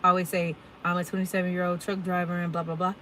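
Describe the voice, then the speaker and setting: A woman's voice: fairly low pitch, flat delivery, fast talker, fairly bright tone, rough recording. Twenty-something woman vlogging live from work, chatty and blunt, lots of y'all and um, faint noise behind. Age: 20s. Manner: chatty, candid, says y'all and um a lot. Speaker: vlogger and truck driver. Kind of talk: casual live Q&A chat. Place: at work, unloading her truck.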